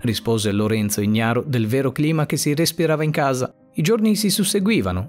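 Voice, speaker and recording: A man narrating a scripted story in a dramatic, expressive way. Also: a little high.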